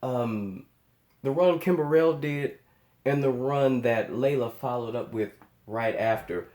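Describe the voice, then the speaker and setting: The host of a music reaction channel gives casual, off-the-cuff commentary in a mid-range, darkish voice, taking his time. He sounds amazed, stressing his words and often repeating phrases, and the audio has a roomy quality.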